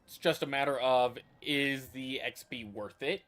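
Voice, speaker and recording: A man's voice: medium pitch, unhurried, fairly bright tone, faint music behind. A man streaming a video game, talking casually and thinking aloud with meandering restarts. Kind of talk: casual livestream commentary.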